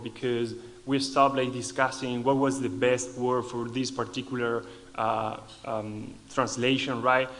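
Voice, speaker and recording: At a conference lightning talk, an Argentinian man speaks with his home accent, Spanish being his native language. He frequently restarts phrases, and his voice sits at a medium pitch with a fairly bright quality.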